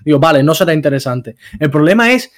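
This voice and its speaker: A man's voice: on the high side, animated, fast. A man co-hosting a podcast, chatting casually and rambling with restarts. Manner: rambling, restarts mid-sentence. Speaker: podcast co-host. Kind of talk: casual chat.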